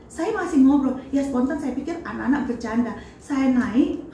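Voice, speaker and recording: A woman's voice: high voice, expressive, normal speed, mellow, echoey room, slight background noise. A woman gives reporters a first-person account of a painful event. She acts out the dialogue as she retells it. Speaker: bereaved parent speaking to reporters.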